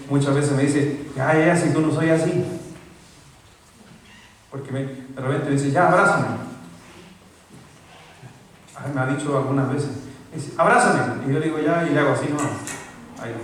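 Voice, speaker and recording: A man's voice: on the high side, slight background noise. A man preaching a sermon as a pastor, talking conversationally and putting questions to his congregation. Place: church hall. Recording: echoey church hall from far off.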